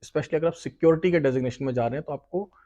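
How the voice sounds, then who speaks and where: Man giving casual advice, mellow. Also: fairly high pitch, fast talker. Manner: mixes Hindi with English phrases, frequent "right?" check-ins. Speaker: host giving job interview tips. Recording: slightly dull, lo-fi sound.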